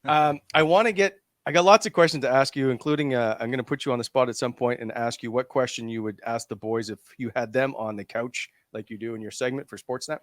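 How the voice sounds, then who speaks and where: A man's voice: medium pitch, steady tone, fast talker, hardly any pauses, no echo. A man asking questions as host of a casual sports interview.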